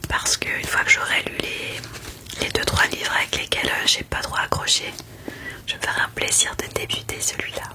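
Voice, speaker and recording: Whispering woman in a soft ASMR book chat. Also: moderate pace. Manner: soft library whisper, hushed and unvoiced. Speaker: ASMR creator reviewing books.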